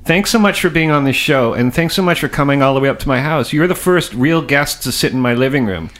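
A man's voice: medium pitch, expressive, fast, fairly bright tone. A man hosting a casual interview in a living room, speaking in an effusive, enthusiastic manner. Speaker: show host interviewer.

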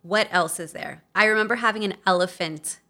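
A woman's voice: mid-range voice, a little fast, bright, forceful tone. A woman co-hosting a casual chat, explaining things and asking follow-up questions. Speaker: podcast co-host.

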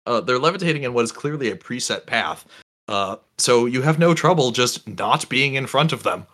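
A man narrating a tabletop game as game master, relaxed and halting, with many fillers and restarts. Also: mid-range voice.

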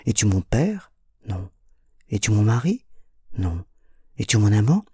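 A man's voice: lowish voice, big pitch swings, measured pace, dark tone, breathy edge, no echo, exaggerated voice. A man reading an audiobook and voicing a teasing, proud young Spanish woman with a mocking, defiant manner.

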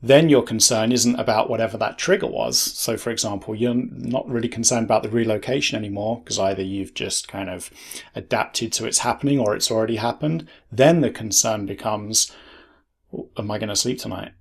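A man's voice: fairly low pitch, a little fast, vocal fry, slightly rough. A man in casual conversation, explaining sleep struggles in a thoughtful way with rhetorical questions.

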